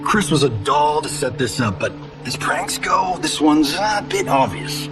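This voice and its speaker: An actor playing a cocky, flippant Hollywood action star in a video game, with a sarcastic, theatrical delivery. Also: male voice, fairly high pitch, big pitch swings, measured pace, music in the background. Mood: amused. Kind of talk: cinematic video game acting.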